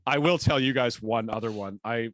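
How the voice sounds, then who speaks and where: An American man, a sailor guest on a podcast, telling stories in an animated, casual way with laughs and the odd swear word. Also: mid-range voice, moderate pace, slight background noise. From United States. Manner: animated storyteller, laughs often, relaxed swearing. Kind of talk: casual chat.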